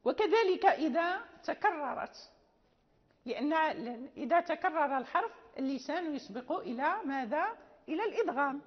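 A woman teaching Quran recitation and tajweed, explaining slowly with pauses and recited examples. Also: high-pitched, animated, big-room sound, dull audio. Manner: slow, careful explanation with many pauses and check-ins. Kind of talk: classroom lecture with recited examples.

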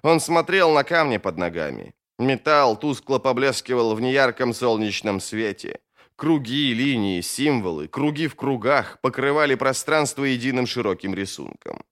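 A man narrating a fantasy novel as an audiobook in a steady, expressive storytelling manner. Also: mid-range voice, normal speed.

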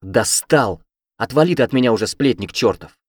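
A man voicing a feisty young woman student with a sharp, mocking tongue, in an audiobook. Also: on the low side, expressive, fairly quick, dry recording, studio quality, natural voice. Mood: defiant, mocking. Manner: mocking, combative.

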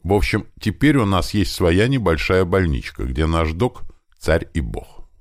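A man narrating a first-person audiobook with steady storytelling. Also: low voice, a little slow, no room sound, studio quality. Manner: steady storytelling with lively shifts.

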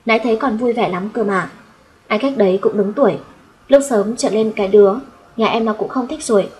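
A woman's voice: medium pitch, a little mellow, slight background noise, close to an everyday voice, poor audio. A woman voicing a flustered, placating middle-aged brothel keeper in an audiobook story, talking hurriedly. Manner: hurried, soothing.

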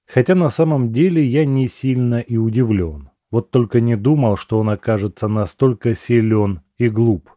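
A man narrates a fantasy novel in the first person, steady and measured. His voice is mellow and dark, recorded dry and close with no room sound. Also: mid-range voice, no echo. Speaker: audiobook narrator.

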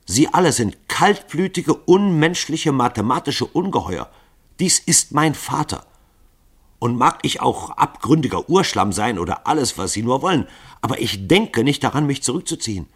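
A man's voice: medium pitch, expressive, normal speed, fairly bright tone, husky, pitched above the performer's own voice. A man reading a novel aloud, voicing a young woman who defies a band of assassins to protect her father. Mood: defiant. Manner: fierce, outraged. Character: defiant young woman, daughter of the chief.

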